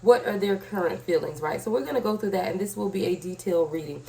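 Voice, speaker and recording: Her voice is lowish and dark with vocal fry, and she talks quickly. This channel host gives a chatty tarot reading while sick with a cold, a slight scratchiness in her voice, addressing viewers directly and tossing in short tag questions.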